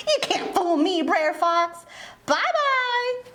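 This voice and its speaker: Woman voicing cheeky rabbit puppet, very high pitch, unhurried, folksy, wary, children's show. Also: big pitch swings, fairly bright tone, reverberant, slight background noise, heavily acted. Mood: teasing.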